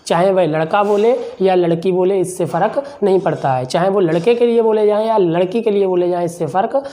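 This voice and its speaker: Guy teaching a class, slow careful delivery, repeats each word, quizzes then answers himself. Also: sits high, dark tone. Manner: asks questions and answers them himself. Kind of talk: classroom lesson explanation.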